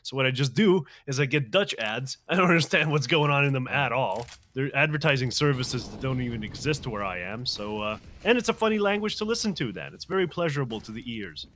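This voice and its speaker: A man doing live play-by-play commentary on a competitive shooter match, reacting quickly to the action. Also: mid-range voice, lively intonation, a bit bright, a little hiss or hum. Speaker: esports commentator.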